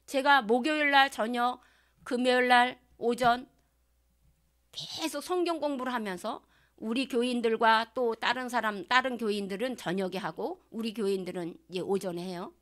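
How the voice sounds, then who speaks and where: Woman pastor, sermon delivery; high, sharp tone, acts out prayers, drops into whispers. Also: steady tone, normal speed. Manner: rhetorical questions to the congregation, swinging from loud to hushed whispers; acts out prayers and quotes in changed voices.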